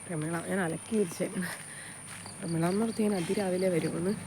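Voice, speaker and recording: A young woman rambles along quickly in a chatty home vlog, her voice slightly rough from an allergy. She is recorded outside in a yard, with loud ambient noise, insects and animals all around. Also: lowish voice, steady tone. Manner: chatty, rambling, often trails off. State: voice changed by allergy, sneezy. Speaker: vlogger. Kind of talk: casual vlog narration.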